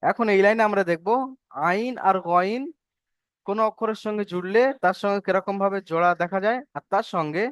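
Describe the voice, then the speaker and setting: A man teaches letter forms to an online class, slow and patient, often asking whether everyone follows. His voice sits high and rings clear. The recording is close and dry. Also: fairly even intonation, fairly bright tone, no echo. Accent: Bengali. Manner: patient, repeats and checks understanding. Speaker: Arabic script teacher.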